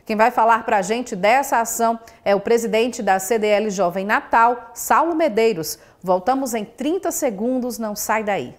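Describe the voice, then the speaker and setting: A woman's voice: a little high, normal speed, few pauses, a little hiss or hum. A woman with a Brazilian accent presenting and interviewing on a studio news programme.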